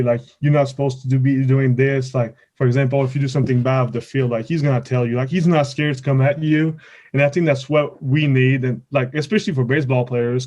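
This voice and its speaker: A man's voice: mid-range voice, darkish tone. A man in his twenties from Quebec, a native French speaker with a Quebec French accent, answering interview questions in a casual, rambling, informal way. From Quebec, Canada. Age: 20s. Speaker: college baseball player, podcast guest.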